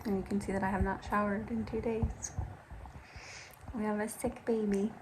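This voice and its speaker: A young woman vlogging casually to camera as a tired mother, talking softly and rambling with fillers. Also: mid-range voice, little pitch movement, moderate pace. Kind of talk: casual vlog talk to camera. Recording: background noise. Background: wind and outdoor ambience.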